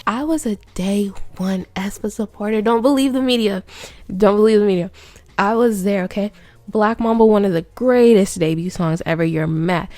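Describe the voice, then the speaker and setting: A woman's voice: mid-range voice, darkish tone, no room sound. A young woman vlogging about music in a blunt, sassy, swear-filled rant. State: out of breath. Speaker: kpop vlogger. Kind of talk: casual opinionated rant.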